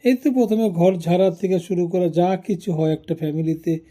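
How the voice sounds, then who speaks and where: A man's voice: steady tone, normal speed, warm tone, natural voice. A man playing a whiny, overworked son-in-law. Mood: complaining. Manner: whiny, complaining, lowered voice. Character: overworked, self-pitying young son-in-law. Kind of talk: scripted comic phone skit.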